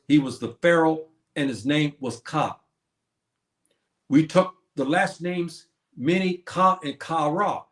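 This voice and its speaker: On a streaming setup in an echoey room, a host with a voice on the high side gives a preachy history lesson. He keeps putting questions to the audience and answering them himself.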